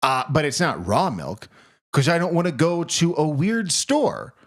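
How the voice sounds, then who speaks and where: A man's voice: a little high, big pitch swings, unhurried. A man co-hosting a podcast, arguing his point in casual chat and repeating himself as he riffs. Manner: argumentative, riffing, repeats himself. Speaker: podcast co-host.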